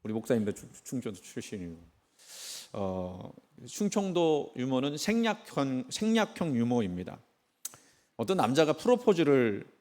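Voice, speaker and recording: Lively-voiced middle-aged pastor telling jokes. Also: male voice, mid-range voice. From Chungcheong, Korea. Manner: humorous storytelling, asks the congregation questions. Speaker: senior pastor. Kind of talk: sermon. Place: church sanctuary.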